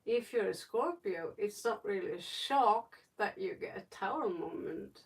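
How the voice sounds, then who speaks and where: She's a tarot reader from Norway, Norwegian being her first language, chatting through a casual livestream reading. Her mid-range voice has lively intonation and heavy fry, and she speaks slowly, rambling and thinking aloud. The mic sits far from her.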